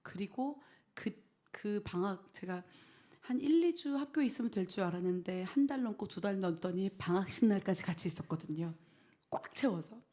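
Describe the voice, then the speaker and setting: A middle-aged woman pastor sharing a personal testimony in an earnest, storytelling way, dropping into soft whispers when she quotes her prayers. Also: mid-range voice, lively intonation, moderate pace. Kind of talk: testimony sermon.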